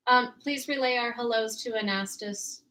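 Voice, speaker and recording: A woman's voice: a little high, sharp tone. A woman co-hosting a casual chat, talking easily and laughing often. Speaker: co-host.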